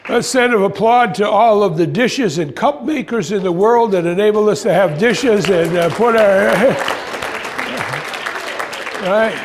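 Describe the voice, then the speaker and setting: An older man telling a spiritual story in an animated way, acting out voices and exclamations. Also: high voice, noisy background. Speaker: spiritual speaker. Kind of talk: storytelling talk.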